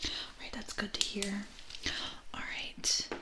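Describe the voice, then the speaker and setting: A woman in a whispered role-play as an ear examiner, speaking in a soft, breath-only whisper with a gentle, reassuring manner and frequent check-ins. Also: takes it slowly. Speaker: ASMR performer playing an ear examiner.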